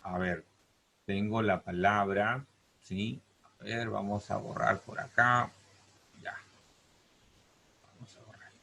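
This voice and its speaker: A man's voice: lowish voice, flat delivery, takes it slowly, gravelly, pauses often, sharp tone, slight background noise. A man teaching a class on word roots, who stretches out key words and keeps checking in with "¿correcto?" and "¿te das cuenta?". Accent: Peruvian Spanish. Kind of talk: classroom lesson on Greek roots.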